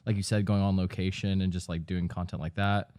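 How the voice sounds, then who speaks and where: A man's voice: low-pitched, little pitch movement, fairly quick, darkish tone. A man in his early thirties, a podcast co-host, speaking in a laid-back, hesitant way as he searches for his words in casual chat. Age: 30s.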